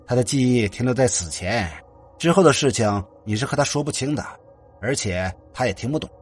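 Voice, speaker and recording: A man voicing a calm young woman who explains things in a steady, knowing way. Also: medium pitch, a little fast, husky, faint music behind.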